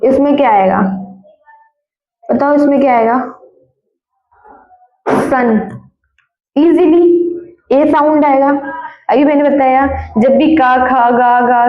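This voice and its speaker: A woman teacher giving a classroom grammar lesson. She repeats words often and keeps asking her students questions. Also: high voice. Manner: corrects her own slips with quick apologies. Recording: echoey room, dull lo-fi sound.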